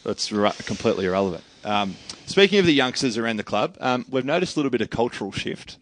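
A man's voice: medium pitch, lively intonation, a little hiss or hum. A man hosting a casual podcast chat, joking and leading the questions. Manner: fast, joking, leads the questions. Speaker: podcast host.

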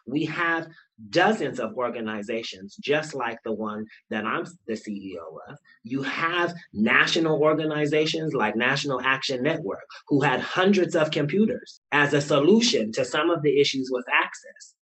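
A man's voice: medium pitch, animated, normal speed, a bit bright, breathy edge, rough recording. A man who runs a nonprofit and is running for school board, speaking earnestly and building to emphatic points in a casual panel chat beside a fireplace. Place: indoor room beside a fireplace.

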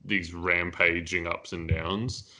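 Low-voiced male podcast host, bright and forceful, loose rambling delivery. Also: flat delivery, takes it slowly. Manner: rambling, many fillers, laughs at own jokes. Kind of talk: casual discussion. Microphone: headphones and mic.

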